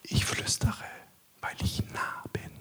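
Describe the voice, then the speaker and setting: The sermon comes from a man appearing as guest preacher; he swings between hushed, drawn-out whispers and forceful, measured speech.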